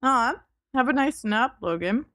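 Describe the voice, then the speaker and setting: A woman's voice: sits high, measured pace, no room sound. Casual woman livestreamer with a dry, close sound. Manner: relaxed, informal, swears casually. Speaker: livestreamer and VTuber.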